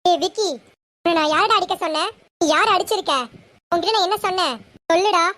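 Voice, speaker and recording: A woman's voice: very high voice, fast. A young woman voicing a scheming woman boss who scolds her henchman. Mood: scolding. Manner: sharp, scolding.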